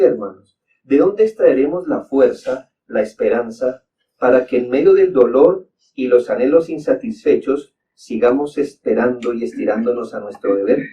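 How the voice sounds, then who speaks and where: A man's voice: mid-range voice, warm tone. A man preaching a sermon as a pastor, speaking earnestly with repeated exhortations and emphatic rises. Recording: dull distant mic with faint background noise.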